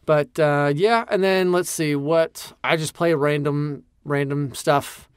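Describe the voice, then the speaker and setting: A man's voice: fairly high pitch, fairly even intonation, slow pace, clear, resonant tone, dry recording, clean studio sound. A man co-hosting a podcast with casual, rambling, joking banter. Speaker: podcast co-host.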